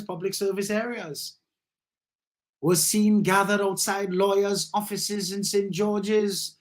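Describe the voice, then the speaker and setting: A man hosting a live session, giving reflective commentary that turns into motivational preaching in a measured way with emphatic rises. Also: sits high.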